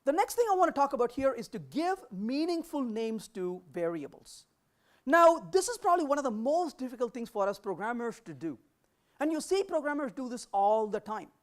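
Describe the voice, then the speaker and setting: A woman's voice: sits high, big pitch swings, moderate pace. A woman giving a conference talk to developers, questioning the audience and acting out short dialogues. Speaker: conference speaker.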